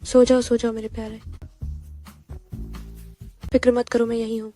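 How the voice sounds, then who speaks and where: A woman's voice: on the high side, little pitch movement, normal speed, warm tone, soft background music, natural voice. An actress dubbing a feisty young female secretary who is defiant and easily flustered. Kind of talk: dubbed drama dialogue.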